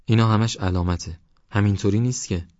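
A man's voice: lowish voice, darkish tone, no room sound, lo-fi sound, lightly acted. A man reading an audiobook, voicing an anxious, devout older village mother. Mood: worried. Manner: fretful, devout.

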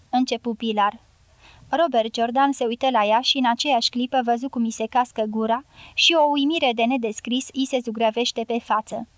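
A woman narrating an audiobook in an even, measured reading, close to the mic. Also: a little high, no echo. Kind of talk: scripted narration.

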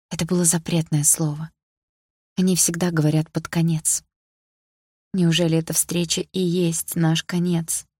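A woman narrating a first-person audiobook in an even, intimate reading. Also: low-pitched, breathy edge, no echo, studio quality. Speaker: audiobook reader.

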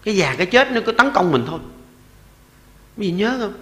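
A man in his sixties, a Buddhist monk with a Southern Vietnamese accent, giving a sermon. He jokes and chuckles often, and slows down to recite verses and repeated chants. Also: sits high, reverberant, long reverb tail. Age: 60s. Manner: lively and joking, often chuckling.

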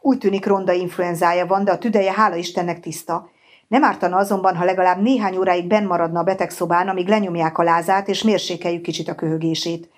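Brief: woman reads matter-of-fact doctor, steady storybook reading. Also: on the low side, close to an everyday voice. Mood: reassuring.

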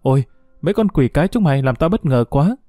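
A man voicing a lively teenage girl who teases and bosses her uncle. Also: a little high, fast talker, no echo, studio quality, soft background music, natural voice. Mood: excited. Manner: playful, teasing, commanding.

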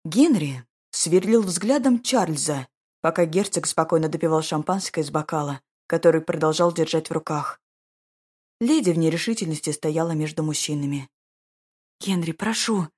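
A woman narrating a romance audiobook in a slow, measured, expressive way. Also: low voice, husky.

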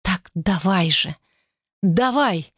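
A woman's voice: mid-range voice, unhurried, no echo, clean studio sound, natural voice. A woman voicing a frightened young wife who pleads and cries out in a tense, raised voice, in a storybook reading. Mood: defiant.

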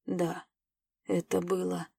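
A woman voicing a grown man, a calm time-travelling mentor, speaking in a measured, slightly lowered voice in an audiobook. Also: vocal fry, breathy edge, no echo, studio quality, full character voice. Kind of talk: audiobook character voice.

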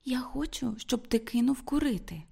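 A woman's voice: sits high, moderate pace, voice pushed up. A woman doing a refined young woman from a storybook reading, her lifted voice reproachful and coaxing by turns. She scolds and pleads with ardent earnestness, never harsh. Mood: pleading. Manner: reproachful, pleading, raised and lively. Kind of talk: audiobook character reading.

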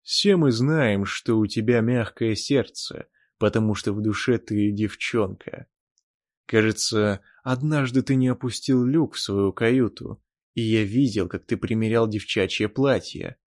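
A man voicing a scornful man who goads a comrade with mocking, drawn-out taunts, as an audiobook character voice. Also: on the low side, darkish tone, dry recording, studio quality.

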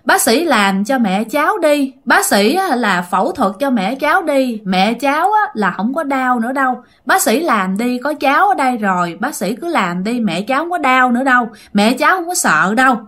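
Woman doing a child spirit, pleading, repetitive, high voice. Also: big pitch swings, normal speed, hardly any pauses, a bit bright, exaggerated voice.

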